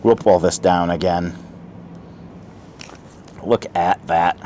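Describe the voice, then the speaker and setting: A man talks through a camp meal review in a casual, chatty way, often while eating. His voice sits fairly low. Faint outdoor noise runs underneath. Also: steady tone, slow pace, mellow. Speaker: outdoor vlogger. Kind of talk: casual food review vlog. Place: outdoor picnic spot.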